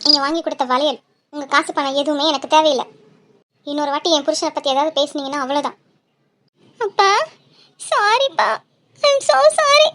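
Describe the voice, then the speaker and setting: A woman does a young cartoon college girl with a very high, piping voice. She talks in an emotional, apologetic way, full of remorse. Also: animated, normal speed, pauses often, noisy background. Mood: remorseful. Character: young female college student, tearful and devoted daughter. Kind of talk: cartoon dialogue.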